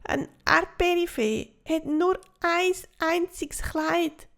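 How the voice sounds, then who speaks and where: A woman with a Swiss German accent voicing a small, upset strawberry fairy girl who wails her complaints in a high voice. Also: fairly even intonation, slow, a bit bright, exaggerated voice. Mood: wailing.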